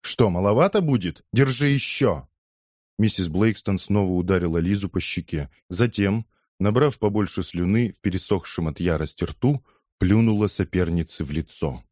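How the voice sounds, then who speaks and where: A man narrating an audiobook with a very low, dark, mellow voice. His delivery is measured and steady, recorded dry and close. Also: no echo.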